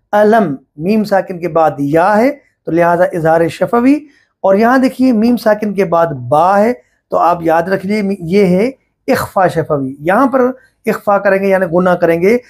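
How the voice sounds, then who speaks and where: A middle-aged man teaching Quran recitation rules, explaining each point slowly and step by step. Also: sits high, lively intonation, darkish tone. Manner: slow, deliberate, explaining step by step. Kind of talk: religious lesson on recitation rules.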